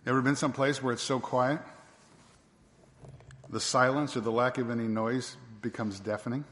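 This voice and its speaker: A male preacher delivers a sermon in an emphatic style, hammering home rhetorical questions again and again. His voice sits at an ordinary middle pitch, and it rings out with the long reverb of a big church hall. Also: level tone, normal speed, fairly bright tone.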